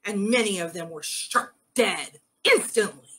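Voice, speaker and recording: A woman's voice: medium pitch, a little slow, fairly bright tone, poor audio. A woman telling a myth as part of a pagan ritual, earnest and rallying at the close. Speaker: ritual storyteller.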